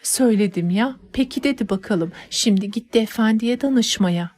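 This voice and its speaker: A woman's voice: fairly high pitch, moderate pace, darkish tone, close to an everyday voice. A woman voicing an old nanny who fusses and exclaims in a dramatic, motherly way. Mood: soothing.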